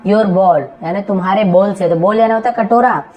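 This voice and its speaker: A woman leads an English lesson, reading each sentence slowly and breaking it down word by word. Her voice sits at an ordinary middle pitch, and she teaches in a steady, patient, explaining way. She keeps stopping to ask whether the point is clear. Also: poor audio. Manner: checks understanding with frequent questions. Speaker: English tutor. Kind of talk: translation lesson.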